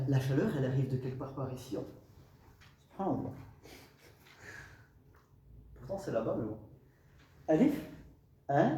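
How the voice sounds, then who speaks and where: A man's voice: a little high, a little mellow. A man teaching a classroom lesson on Arabic letters, explaining step by step, repeating terms and checking in with his students. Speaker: Quran recitation teacher. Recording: roomy echo, distant mic, faint hum.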